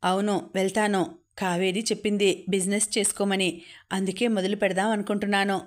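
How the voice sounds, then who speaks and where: A woman voicing a stubborn, resentful young adult son in a storybook reading, talking quickly and insistently. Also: mid-range voice, flat delivery, natural voice.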